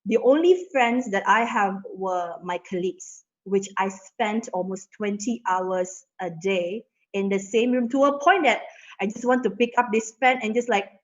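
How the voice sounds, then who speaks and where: On a video call with slightly muffled audio, a chatty young Indonesian woman whose first language is Indonesian joins a casual panel talk as a panelist. Her voice is medium-pitched at a normal speed, and she fills her speech with frequent "you know"s.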